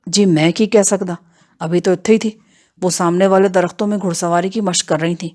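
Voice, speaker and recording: A woman's voice: lowish voice, fairly even intonation, darkish tone, natural voice. A woman voicing a simple male village servant who speaks in a plain, rustic way.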